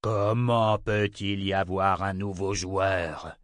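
A man reading a cruel emperor in an audiobook, in his own low voice. He speaks slowly and coldly, commanding and contemptuous, recorded close and dry. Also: flat delivery, no echo. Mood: menacing. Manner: slow, cold, commanding. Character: cruel male emperor, menacing and imperious.

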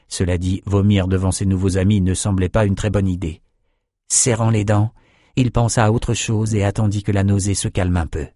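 A man with a low voice narrates a fantasy audiobook, reading the script in a steady, measured way. The recording is dry and close, with no room sound.

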